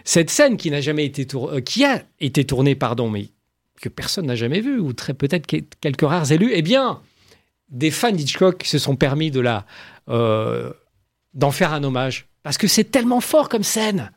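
A man giving enthusiastic film commentary, animated and full of exclamations and quick asides. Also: fairly high pitch.

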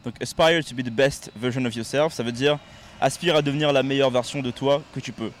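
A man co-hosting a podcast in casual chat, relaxed and switching into English words mid-sentence. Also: mid-range voice, a little fast, slight background noise. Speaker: podcast co-host.

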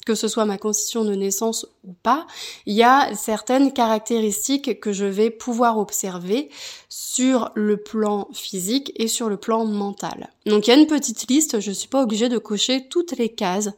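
A woman's voice: on the high side, moderate pace. A woman from France hosting a podcast, explaining things in an informal way. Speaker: podcast host, yoga teacher.

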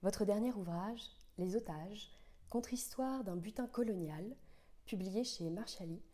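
A woman interviewer with a warm, relaxed voice at a middle pitch. She puts formal, carefully prepared questions to her guest and reads quotes aloud.

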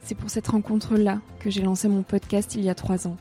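A woman podcast host giving calm, measured, earnest scripted narration and voice-over translation. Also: medium pitch, faint music behind.

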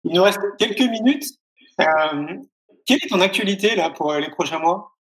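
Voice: mid-range voice, animated, normal speed, a bit bright. Brief, friendly interview host, echoey. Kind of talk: casual podcast interview.

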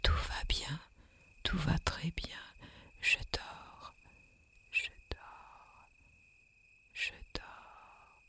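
A woman leading a guided sleep meditation in a soft, soothing, breathy whisper with long hypnotic pauses.

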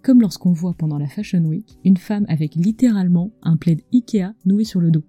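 A woman's voice: lowish voice, normal speed, dark tone, breathy edge, no echo, soft background music. A woman narrates a scripted podcast as a storyteller, speaking intimately close to the microphone, right in the listener's ear. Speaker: podcast host, culinary storyteller. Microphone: close microphone with acoustic screen.

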